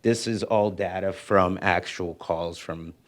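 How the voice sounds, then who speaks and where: A man's voice: sits low, slow. A man, a city official, casually presenting to residents at a community meeting, with many fillers. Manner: casual, filler-heavy explaining. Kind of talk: informal presentation.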